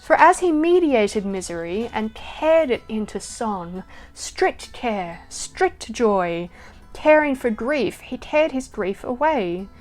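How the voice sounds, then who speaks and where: A woman reading poems aloud slowly and softly, her voice trailing off at the ends of lines. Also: fairly high pitch, big pitch swings. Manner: slow, soft reading that trails off at line ends. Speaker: poetry reader. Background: soft acoustic guitar music.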